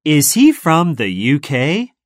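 Low-voiced woman reading slow questions. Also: big pitch swings, dry recording, studio quality. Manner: slow, carefully enunciated questions for learners. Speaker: listening test reader. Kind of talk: scripted textbook dialogue reading.

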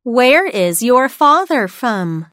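A woman reading textbook dialogue answers for a listening test, slowly and carefully enunciated for learners. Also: a little high, big pitch swings, fairly bright tone, no echo, studio quality.

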